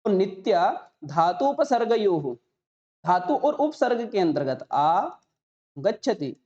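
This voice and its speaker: A woman teaching Sanskrit grammar in an explanatory lesson. She breaks words into single sounds and repeats examples slowly. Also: fairly low pitch, a little mellow. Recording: slightly dull, muffled recording.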